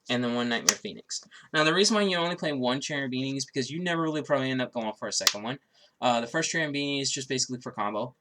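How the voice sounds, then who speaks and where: Against a noisy background, a man with a mid-range voice goes over a card game deck in a casual way. He is a little ill, with a blocked nose and sore throat, and his talk rambles, heavy with fillers and frequent restarts.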